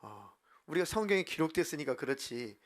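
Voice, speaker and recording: A man preaching in a church in a slightly high voice, animated and dramatic. He acts out dialogue and swings from quiet asides to sudden loud exclamations. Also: fairly quick. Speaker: senior pastor. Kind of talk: sermon. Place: church sanctuary.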